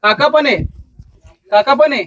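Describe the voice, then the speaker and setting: A woman's voice: high voice, moderate pace, a bit bright, dry recording, low-quality recording. A woman coaxing a pet crow to speak, repeating single words in a sing-song, patient way. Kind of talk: coaxing talk to a pet bird.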